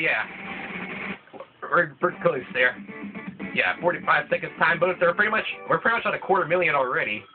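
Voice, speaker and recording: A male let's-player gives casual gameplay commentary, rambling and restarting often, his mid-pitched voice a bit stuffy and thickened by a cold. The tinny, phone-like lo-fi mic picks up video game music playing in the background.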